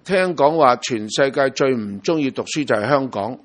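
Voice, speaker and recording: A man's voice: mid-range voice, lively intonation, normal speed. A man from Hong Kong preaching a sermon in a Hong Kong Cantonese accent. He talks emphatically and keeps asking the congregation rhetorical questions.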